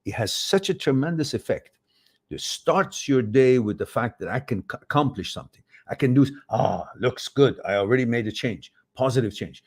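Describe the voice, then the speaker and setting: A middle-aged Farsi-speaking man from Iran hosts a live advice stream, reading viewer questions aloud. He rambles and often corrects himself, his voice lowish with a darkish tone.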